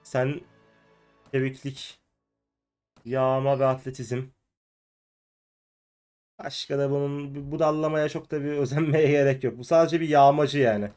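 A hoarse man who is ill, commenting on his own gameplay and often breaking into cursing rants at the game. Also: medium pitch, steady tone, a little slow, long pauses, darkish tone, soft background music. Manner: ranting and cursing at the game, frequent outbursts. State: hoarse from illness. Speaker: gaming video host. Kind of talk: let's play commentary.

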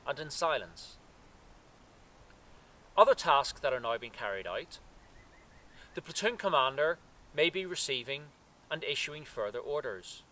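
Man giving crisp military instruction outdoors. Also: on the high side, fairly bright tone, slight background noise. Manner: measured, precise military delivery. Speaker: cadet force instructor. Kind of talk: scripted instructional talk. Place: outdoors in woodland. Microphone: camera at a distance.

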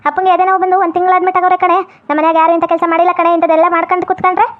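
A woman voicing a deaf, cranky old grandmother who scolds fast and holds to strict customs, in a comedy skit. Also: level tone. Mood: scolding. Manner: scolding, shrill and quick. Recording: tinny phone-like sound.

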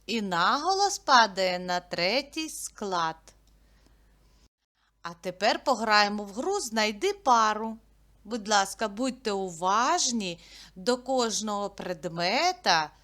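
Slow, bright-voiced woman teacher. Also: mid-range voice, animated. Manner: slow, clear, patient teaching with sounds drawn out. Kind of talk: early literacy lesson for young children.

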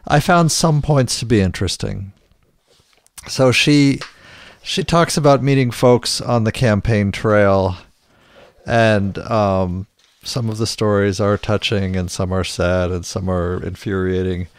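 A man's voice: on the low side, fairly even intonation, unhurried, dry recording. A man co-hosting a podcast in casual chat, reading book passages aloud and restarting his sentences often. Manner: hesitant, many restarts and fillers. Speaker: podcast co-host.

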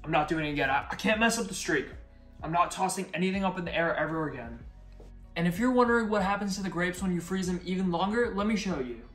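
A man's voice: sits high, animated, quick pace, a bit bright. A young man chatting upbeat to camera as a food vlogger, talking while he chews. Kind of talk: casual chat to camera. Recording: echoey room with faint music.

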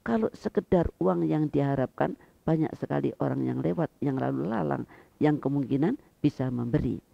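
A man preaching a sermon in an expressive storytelling manner, retelling a scene and speaking directly to the congregation, on a slightly dull recording. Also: fairly high pitch, moderate pace, creaky, no echo.

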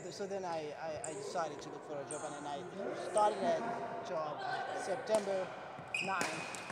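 A man's voice: on the high side, measured pace, heavy background noise. A man chatting casually between badminton rallies in a large indoor sports hall, talking in a playful, teasing way, picked up by a far camera. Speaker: badminton player.

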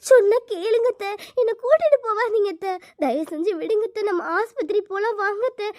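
A woman's voice: very high voice, fairly quick, darkish tone, no echo, studio quality. A woman voicing a frightened young pregnant wife who begs her in-laws in a cartoon. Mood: pleading. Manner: pleading, tearful.

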